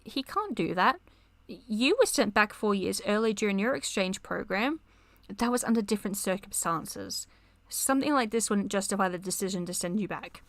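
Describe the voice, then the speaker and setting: Woman reading out a calm dad lawyer reassuring his kid, dry sound. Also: mid-range voice, moderate pace, no echo, close to an everyday voice. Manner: read aloud from a chat log. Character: older male lawyer father, calm and reassuring.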